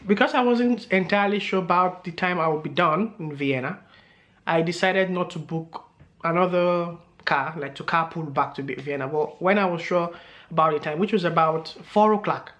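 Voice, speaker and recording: A man's voice: fairly high pitch, normal speed, fairly bright tone. A man vlogging to camera, telling a story in a loose, meandering way, with many fillers and laughs along the way.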